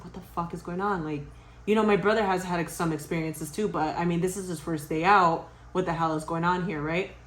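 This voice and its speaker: A young woman vlogger casually telling a spooky story to her viewers, animated and swearing, often laughing. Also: lowish voice, reverberant.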